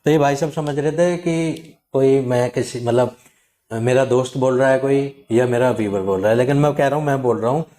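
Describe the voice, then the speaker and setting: A man hosting his channel, talking casually and animatedly to viewers and acting out callers' lines in quick quotes. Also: mid-range voice, mellow. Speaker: channel host advising viewers on loan recovery calls. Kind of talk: casual talk to camera.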